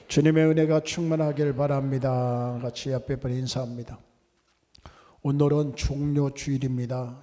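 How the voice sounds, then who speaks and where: A middle-aged male pastor giving a sermon in a church, speaking slowly and deliberately and leading the congregation in call-and-response. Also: medium pitch, dark tone. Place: church sanctuary.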